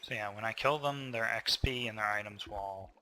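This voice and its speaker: Man, sharp bright tone, lower-pitched voice, relaxed gameplay chatter, a bit tired, faint hiss behind. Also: brisk. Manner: relaxed, thinking aloud with fillers. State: a little tired. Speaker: gameplay commentator. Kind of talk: casual gameplay narration.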